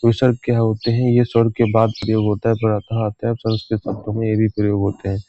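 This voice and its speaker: A man's voice: lowish voice, completely flat delivery, a little fast, warm tone, highs cut off. A man teaching a grammar lesson for exam preparation, repeating key points as questions to his students.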